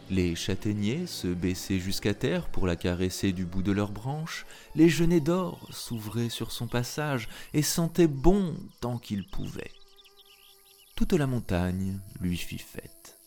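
A man's voice: medium pitch, a little mellow. A man reading a tale aloud in a theatrical storytelling manner, speaking to a listener. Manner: slow and theatrical, addressing a listener. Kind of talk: expressive storytelling.

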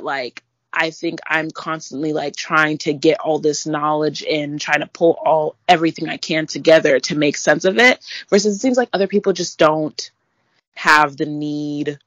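A young woman in an easygoing podcast conversation, expressive and slangy, at a middling pitch. The recording is dry and close with a slightly dull, lo-fi tone. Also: no room sound. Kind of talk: casual chat.

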